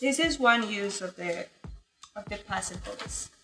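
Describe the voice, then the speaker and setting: A woman's voice: mid-range voice, animated, a little slow, sharp tone, soft background music, poor audio. A woman teaching an online English grammar lesson, explaining patiently and checking in with her students often. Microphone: computer mic in virtual session.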